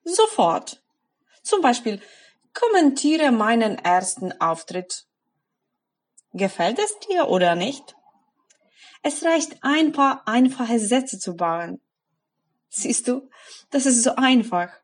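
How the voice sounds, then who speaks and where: A woman's voice: on the high side, very animated. A woman, a German speaker, giving a scripted and encouraging language lesson. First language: Polish. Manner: encouraging, careful, deliberate. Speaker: language teacher.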